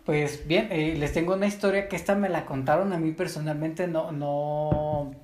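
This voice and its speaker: A woman's voice: sits low, fairly even intonation, normal speed, darkish tone. A woman hosting a casual chat, joking and asking lots of questions. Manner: joking, asks many questions. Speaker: host. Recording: echoey room.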